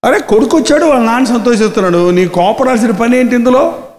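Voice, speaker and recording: A man's voice: very high-pitched, quick pace. A man preaching a live sermon, acting out characters and asking the crowd rhetorical questions. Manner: animated, acts out the characters in dialogue. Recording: echoey hall reverb.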